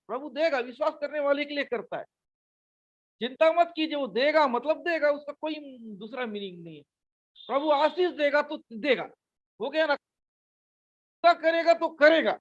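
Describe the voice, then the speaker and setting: A man's voice: very high voice, lo-fi sound. A male pastor delivering an urgent sermon, repeating his calls to the listeners again and again. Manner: urgent, repetitive exhortation.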